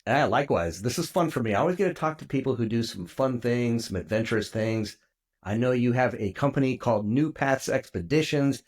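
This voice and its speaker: A man's voice: mid-range voice, fairly quick, a little mellow. A man hosting a travel podcast, reading his intro and welcoming a guest in an enthusiastic, friendly way. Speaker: podcast host. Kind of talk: upbeat podcast intro and interview.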